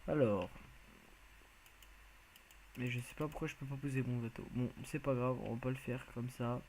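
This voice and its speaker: A man's voice: medium pitch, fairly even intonation, normal speed, darkish tone, slight background noise, low-quality recording. A man giving casual, rambling commentary as he plays a video game, hesitant and full of filler sounds. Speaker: video game let's player.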